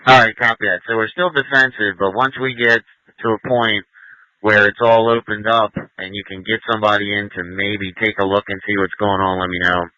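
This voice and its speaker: A man's voice: on the low side, level tone, moderate pace, pushed and bright, no room sound. A man serving as fire incident commander, giving instructions and confirming reports over a two-way radio. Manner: directive, checks and repeats information back. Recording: muffled fire radio audio.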